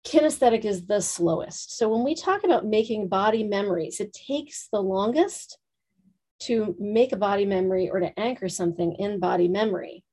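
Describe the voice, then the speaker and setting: A woman leading a workshop, talking quickly and asking the room questions. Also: medium pitch, warm tone. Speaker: workshop teacher. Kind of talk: teaching a live group.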